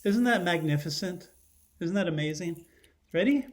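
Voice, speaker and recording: Indoors in a home living room, a middle-aged man with a high, expressive voice gives a children's lesson and read-aloud at a moderate pace. He uses simple phrases and often puts questions to young viewers.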